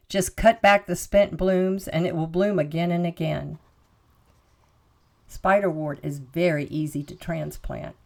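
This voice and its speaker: A woman's voice: mid-range voice, dry recording. A woman narrating a garden tour as host, in a plain-spoken, instructional way.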